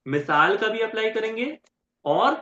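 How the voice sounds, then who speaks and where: A man teaching grammar in a lecture, spelling out syllables slowly and often checking with his students whether they follow. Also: high-pitched, a loud crowd. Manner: keeps checking with "right?" and quizzing students. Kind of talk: classroom lecture. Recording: roomy and dull, lo-fi.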